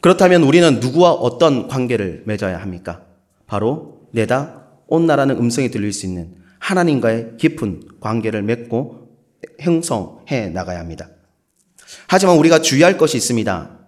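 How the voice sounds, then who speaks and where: A Korean man with a Gyeongsang accent preaches with a very animated, swooping voice. He is playful and breaks into short acted quotes, his pitch sitting in a middle range for a man. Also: normal speed. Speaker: pastor. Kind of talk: sermon.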